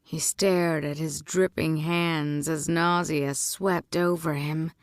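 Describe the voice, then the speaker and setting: A woman narrating an audiobook in a measured, deliberate manner. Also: low-pitched, fairly even intonation, gravelly, clear, resonant tone, dry recording, clean studio sound.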